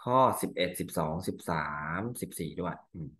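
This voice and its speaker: With a deep, animated voice, a Thai-accented teacher works through exam answers, reading the English slowly and giving explanations in Thai.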